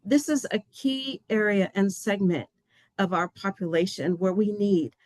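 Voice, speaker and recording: Woman, agency official, passionate webinar welcome, mid-pitched voice, dry close sound. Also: unhurried, darkish tone, no echo. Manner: passionate, heartfelt; earnest, loses her place and restarts.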